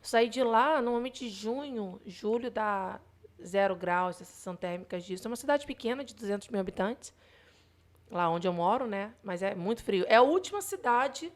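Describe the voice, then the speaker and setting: A digital marketer who grew up in Rio de Janeiro, Brazil, chats casually as a podcast guest, explaining things in a Rio de Janeiro Brazilian Portuguese accent. Her voice is medium-pitched and expressive, at a moderate pace.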